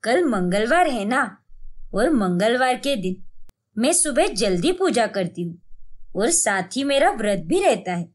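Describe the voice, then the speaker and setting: A woman's voice: fairly high pitch, big pitch swings, unhurried. A woman voicing a strict, traditional mother-in-law who gives orders and scolds in a cartoon story. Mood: commanding. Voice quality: scolding, commanding.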